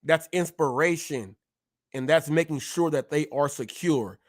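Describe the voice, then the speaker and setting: A man in his forties hosts his own live show, boasting and calling out his critics head-on. He stutters now and then, and his voice sits high while he takes his time with the words. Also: unhurried. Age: 40s. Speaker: host. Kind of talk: ranting live-stream commentary.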